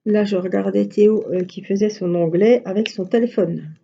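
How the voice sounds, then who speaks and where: A woman's voice: medium pitch, moderate pace, gravelly, dark tone, lo-fi sound, a little hiss or hum. A middle-aged woman chatting casually on a live stream, rambling through everyday anecdotes. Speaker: craft live-stream host.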